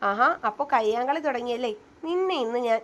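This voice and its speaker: A woman's voice: fairly high pitch, lively intonation, moderate pace, a bit bright. A woman voicing a teasing, playful young husband in a spoken story, with bantering, mock-stern lines.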